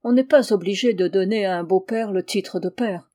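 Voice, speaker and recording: A woman's voice: mid-range voice, normal speed, mellow, natural voice. A woman reading an earnest, devoted young son.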